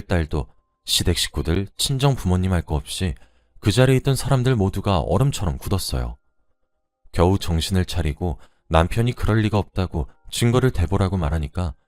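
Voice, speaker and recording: A man giving scripted first-person narration of a wife's story in a measured tone. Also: low-pitched, darkish tone, no echo, clean studio sound.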